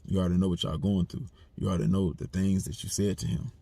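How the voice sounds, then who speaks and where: A man's voice: deep voice, steady tone, fast talker, creaky, warm tone, dry recording. A man giving a blunt, repetitive, streetwise commentary monologue. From United States. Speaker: commentary channel host.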